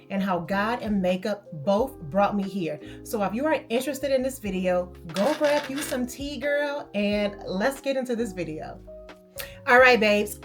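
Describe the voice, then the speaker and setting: A woman in her late thirties from Michigan, chatting casually and upbeat to camera as a beauty vlogger who calls her viewers babes and girl. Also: medium pitch. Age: 30s.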